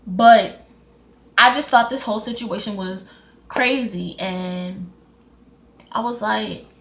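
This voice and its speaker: A young woman, casually retelling a frustrating story in an animated vlog. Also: mid-range voice. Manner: animated, frustrated retelling with lively quoted voices. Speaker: vlogger.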